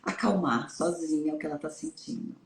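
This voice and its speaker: A Brazilian woman psychologist calmly explaining in a live stream conversation. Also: low voice, brisk, echoey room. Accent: Brazilian Portuguese.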